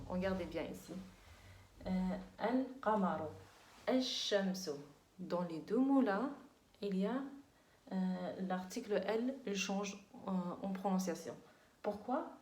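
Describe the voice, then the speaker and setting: A woman teaching a language lesson, patiently repeating words slowly and often checking that her students understand. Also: mid-range voice, a little mellow, reverberant. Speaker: Arabic teacher.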